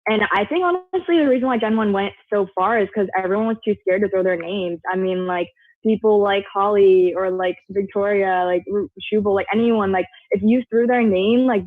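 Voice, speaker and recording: A woman's voice: medium pitch, a little fast, no room sound. A woman, a former contestant, chatting casually on a video call, rambling and saying "like" a lot. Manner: rambling, heavy use of "like". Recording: tinny phone-like audio.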